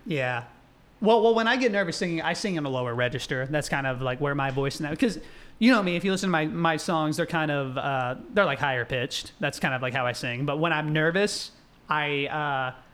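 A tipsy young man co-hosts a podcast, rambling casually with fillers, laughter and swearing in a drunken chat. His voice is fairly high, fairly quick, a bit bright, clear and resonant.

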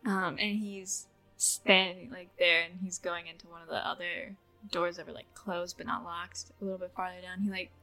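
A woman's voice: on the low side, little pitch movement, normal speed, bright, forceful tone, soft background music. A woman narrating a tabletop game as game master, casual and full of "like" fillers. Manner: casual, laughing, many "like" fillers.

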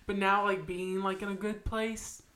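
A woman's voice: medium pitch, flat delivery, normal speed, fairly bright tone. A woman in her twenties co-hosting a casual podcast, rambling with many "like" fillers. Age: 20s. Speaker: podcast co-host. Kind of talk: casual chat.

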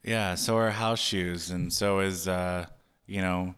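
A man co-hosting a casual podcast, cracking jokes in a deadpan way. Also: sits low, takes it slowly, clean tone, big-room sound. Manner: joking, deadpan asides. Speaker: podcast co-host. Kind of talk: casual banter.

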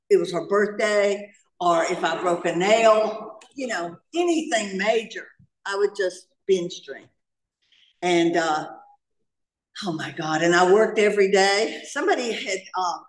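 A woman from North Carolina, speaking at an AA meeting, shares her own recovery story with humor and laughs often. Her mid-range voice is picked up from a distance, off-mic, in an echoey church meeting hall.

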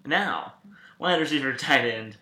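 A man hosting a sports podcast in casual chat, halting and often restarting his sentences. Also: medium pitch, expressive, bright, forceful tone. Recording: roomy, echoing sound.

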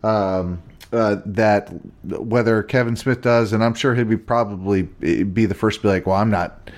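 A man's voice: on the low side, fairly even intonation, unhurried, darkish tone. A man co-hosting a podcast with a Virginian accent, blunt and casual, swearing now and then and asking questions. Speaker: podcast co-host. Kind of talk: casual chat.

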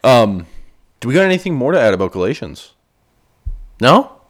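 A man's voice: medium pitch, sing-song, moderate pace, background noise. A man co-hosting a casual podcast discussion, joking and self-deprecating. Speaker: podcast co-host.

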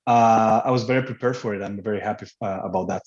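A man from Mexico, co-host of a podcast and a coach, talking in a measured way with many fillers and restarts. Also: lowish voice, darkish tone, roomy sound, lo-fi sound. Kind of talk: casual podcast chat.

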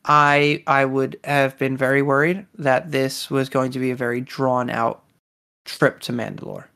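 A chatty podcast co-host talks through an episode in a relaxed, enthusiastic way. The voice sits at a middle pitch, with plenty of fillers and restarts. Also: measured pace, smooth. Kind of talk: casual chat reviewing a series episode.

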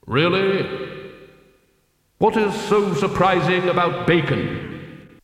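A man voicing a solemn, calm male Death who speaks slowly and gravely, with a hollow voice and a heavy echo effect on it. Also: exaggerated voice. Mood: wry. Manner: slow, measured, unhurried. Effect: heavy echo added to voice. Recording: long booming reverb effect.

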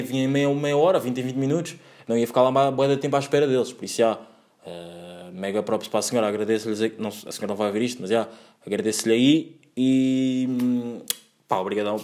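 A young male vlogger with a European Portuguese accent tells a casual story in a mid-range, slightly mellow voice. He rambles and leans heavily on slang, constantly correcting himself and dropping in fillers.

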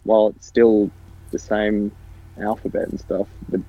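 A young Australian man co-hosting a comedy podcast, riffing absurd ideas in a rambling, deadpan way. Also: lowish voice, measured pace, no echo, low-quality recording. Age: young adult. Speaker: podcast co-host. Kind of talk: casual comedy chat.

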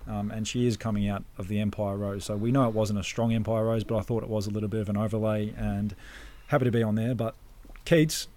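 An Australian man hosting a racing podcast in relaxed, informal chat. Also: lowish voice, quick pace.

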